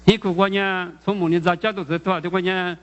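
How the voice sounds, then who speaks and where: A man delivers a sermon in a high voice, halting and repeating himself as he puts questions to the listeners. The sound is muffled and dull, with a long echo from a large hall. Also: flat delivery. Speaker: preacher.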